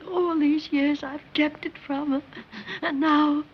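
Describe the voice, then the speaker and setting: Old street fruit seller crying and begging, slightly high voice, dull hissy 1930s film sound. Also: female voice, steady tone, takes it slowly. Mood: pleading, tearful. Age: older. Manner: sobbing, pleading, breaking into whispers. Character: distraught older woman street fruit seller.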